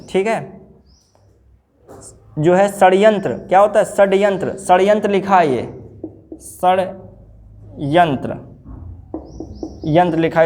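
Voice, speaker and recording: A man with a fairly high voice teaches an exam-prep spelling lesson. He drills each word by saying it over and over and keeps quizzing his students, calling them brother. A faint hiss sits under his voice. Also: a little mellow. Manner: addresses listeners informally as brother.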